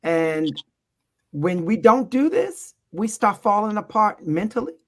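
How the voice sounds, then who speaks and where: A man's voice: sits high, very animated, a little slow. A man from a church men's fellowship speaking earnestly, in a preacherly way, on a panel.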